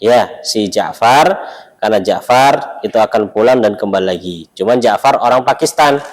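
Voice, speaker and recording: A man with an Indonesian accent teaching an Arabic lesson to a mosque class, explaining in a relaxed, chatty way with asides. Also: lowish voice, moderate pace, poor audio.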